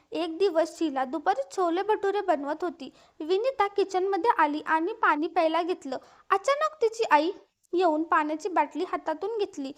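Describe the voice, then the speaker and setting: A woman narrates an emotional family story in a calm, even, scripted reading. Her voice sits very high.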